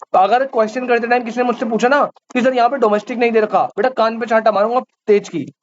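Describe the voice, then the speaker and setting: Man teacher, very high voice, a quizzing, repetitive classroom lecture style. Dull recording with faint hiss. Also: fairly even intonation, quick pace. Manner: quizzes students, repeats key terms, calls them "beta". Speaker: commerce teacher. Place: classroom with students.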